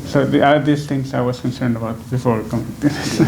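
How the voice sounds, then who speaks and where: A young man from Venezuela speaks in a slightly gravelly, mid-pitched voice, pausing often and restarting his sentences as he answers interview questions. He sits in a small indoor room close to a stand microphone, with a faint hiss behind him. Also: fairly even intonation, darkish tone. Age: 20s. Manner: thoughtful, hesitant, many fillers and restarts. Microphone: stand microphone in front.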